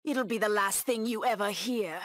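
A woman voicing a savage, proud cheetah-woman huntress in a video game, taunting her prey with deliberate menace. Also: mid-range voice, fairly bright tone, no echo, studio quality, natural voice. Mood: predatory, menacing.

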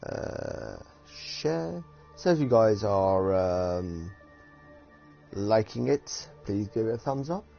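Slow, gravelly man streaming. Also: on the low side, expressive, soft background music. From United Kingdom. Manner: rambling and giggly. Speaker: game streamer. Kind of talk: casual gameplay commentary. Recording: dull lo-fi streaming audio.

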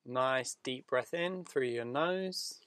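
With long silences between short phrases, a man talks listeners through an unhurried, soothing meditation. His voice has a medium pitch and a clean, slightly bright tone, captured in a dry recording.

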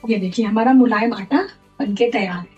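A woman's voice: medium pitch, a little fast, a little mellow, muffled recording. A middle-aged woman giving a cooking demonstration in her home kitchen, explaining each step while she works. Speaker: cooking instructor. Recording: light background music.

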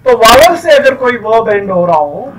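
A man teaching an English grammar lesson, explaining rules with many fillers and reading example sentences slowly. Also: very high-pitched, lively intonation, fairly bright tone, distant mic, rough recording.

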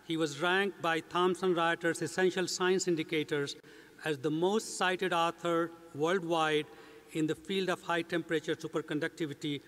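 An older man, a university president, giving a measured, scripted formal speech at a commencement ceremony. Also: on the high side, flat delivery, a bit bright. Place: large indoor commencement stage. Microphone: podium mic. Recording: long reverb of a big hall.

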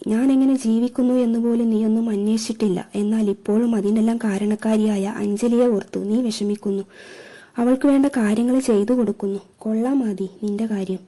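A woman's voice: on the high side, fairly even intonation, moderate pace, close to an everyday voice. A woman voicing a hurt, bitter young woman with a curt, scornful manner. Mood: furious. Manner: curt, scornful, flares into shouting.

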